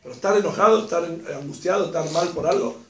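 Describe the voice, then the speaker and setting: A man with an Argentine accent giving a religious class to an audience, animated, acting out quotes in a raised voice. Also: fairly high pitch, fast talker, crowd noise. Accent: Argentine Spanish. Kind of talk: lively class talk to an audience. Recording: echoey room, mic far off, faint noise.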